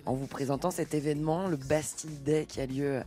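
A man's voice: on the high side, fairly even intonation, a little fast, dark tone. A man hosting a radio interview from a studio, speaking in an announcer style with occasional fillers. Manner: announcer-like, fills with euh. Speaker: radio host.

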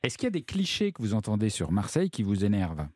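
A man's voice: lowish voice, huge pitch swings, quick pace, darkish tone, breathy edge, no echo, studio quality. A man interviewing a guest on the radio, with brief encouraging prompts and questions.

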